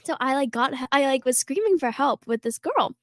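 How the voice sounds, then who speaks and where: A teenage girl telling a story in casual podcast chat, full of "like" fillers and quick laughs. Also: sits high, expressive, no echo, clean studio sound. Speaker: podcast co-host.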